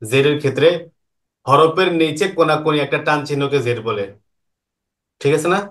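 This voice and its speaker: Patient teacher, repeating answers. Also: male voice, fairly high pitch, fairly bright tone. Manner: patient, asks questions then repeats the answers slowly. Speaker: Quran teacher. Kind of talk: online lesson explaining Arabic vowel marks.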